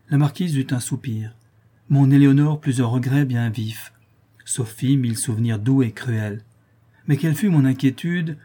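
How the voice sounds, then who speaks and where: Husky, mellow male audiobook narrator. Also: medium pitch. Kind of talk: scripted narration of a classic novel.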